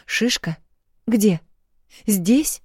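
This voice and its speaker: A woman voicing an emotional young wife in an audiobook, her pleas raised and high. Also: animated, drawn-out words, husky, dry recording, studio quality, full character voice. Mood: indignant. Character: excited young wife, anxious then teasing.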